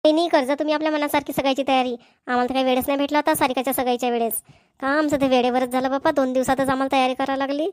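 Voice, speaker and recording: Voicing the talkative, persuasive mom of a cartoon family comedy, this woman speaks very fast in a natural, high-sitting voice with a level tone. Her Varhadi Marathi accent comes through as she coaxes and repeats herself.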